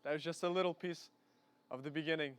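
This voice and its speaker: A man's voice: on the high side, fairly even intonation, fast, a bit bright, smooth. A young man giving an earnest, loosely strung thank-you to guests, with fillers between phrases. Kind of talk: casual thank-you speech.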